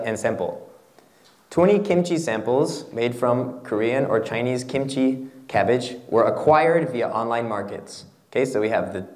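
Male workshop lecturer, thirties, medium pitch, instructional delivery with halting phrasing, on a handheld mic in a lecture hall. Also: a little mellow. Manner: halting, instructional, checks with "okay" and "right". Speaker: lecturer on academic writing. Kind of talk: workshop lecture, explaining slides. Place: lecture hall in front of a seated audience. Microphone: handheld microphone.

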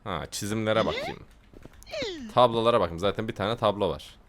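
Joking and laughing often, a young man translates game lines aloud while hosting a casual let's-play video. He talks fairly quickly in a lowish voice that's a bit bright.

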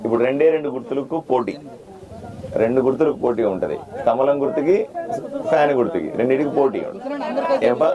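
A man, a doctor running for office, giving a repetitive, plain-spoken campaign speech that quizzes the crowd and demands loud answers. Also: medium pitch, animated, fast, long pauses, highs cut off. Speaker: political candidate and doctor. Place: outdoor neighborhood gathering.

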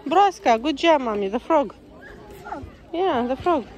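Filming herself by phone in a town park, a Romanian mother and vlogger coaxes her toddler in a sing-song voice, dropping in English words during the casual chat. Her voice sits high and is expressive, with a crowd and other noise in the background.

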